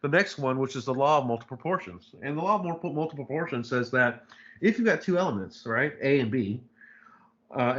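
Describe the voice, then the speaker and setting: Here the chemistry instructor's mid-range voice has a fairly bright tone, though the audio is dull. His live online lecture is loose and rambling, peppered with fillers and repeated "right?" checks.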